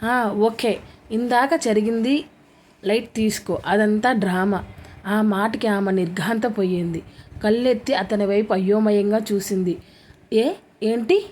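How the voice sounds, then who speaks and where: A woman's voice: medium pitch, darkish tone. A woman telling a romance story as scripted narration, reading every character's lines in her own voice with little change.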